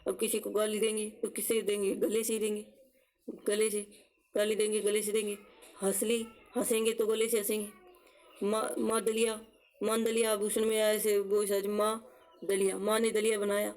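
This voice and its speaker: Steady, flat-toned woman teaching memory tricks. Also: medium pitch, poor audio. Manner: explains slowly with rhetorical questions and answers; repeats words to drill them. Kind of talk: exam-prep lesson with memory tricks.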